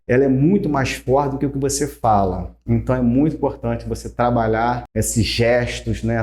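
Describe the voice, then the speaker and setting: A man teaching public speaking, talking energetically and conversationally while gesturing a lot. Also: mid-range voice. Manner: energetic, uses many gestures, conversational fillers. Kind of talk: instructional talk to camera.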